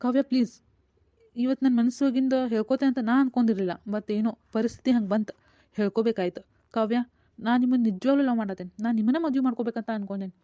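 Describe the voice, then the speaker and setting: A woman's voice: on the high side, fast talker, warm tone, no room sound, close to an everyday voice. A woman with a North Karnataka Kannada accent voicing a hesitant, lovestruck young coworker in a cartoon comedy. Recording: dull lo-fi dry recording.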